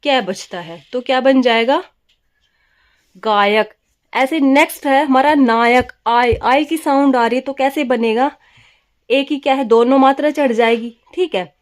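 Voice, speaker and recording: A woman teaching a grammar class. She asks her students questions, answers them herself, and repeats the key words, with English words mixed into her talk. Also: high-pitched. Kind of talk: classroom lesson.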